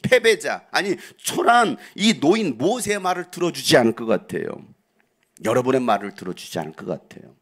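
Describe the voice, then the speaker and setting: A man's voice: medium pitch, very animated, fairly quick, a bit bright. A male pastor preaching a sermon, with joking asides and rhetorical questions to the congregation.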